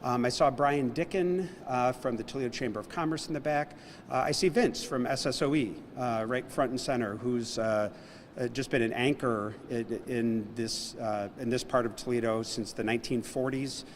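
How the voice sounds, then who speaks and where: A man's voice: medium pitch, moderate pace, in a large hall, a little hiss or hum. A man, a civic official acting as emcee, closing a ceremony speech in an informal, joking, rambling way. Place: large indoor hall.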